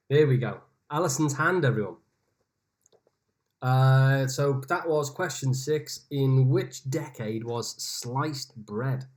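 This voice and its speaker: A man's voice: mid-range voice, a little mellow. A man hosting an online pub quiz over a video call, reading each question twice with chatty asides. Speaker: quiz host.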